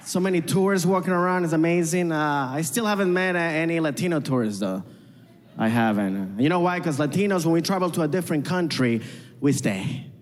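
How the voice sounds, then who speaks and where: A man's voice: a little high, fairly quick, long reverb tail. A man from Venezuela with a Venezuelan Spanish accent, doing a chatty, self-mocking stand-up set and talking with the crowd. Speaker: stand-up comedian. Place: comedy club stage.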